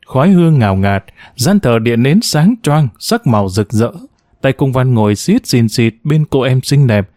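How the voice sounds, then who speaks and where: A man narrating a novel in a steady storytelling manner. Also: medium pitch, no room sound, studio quality. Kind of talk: audiobook novel reading.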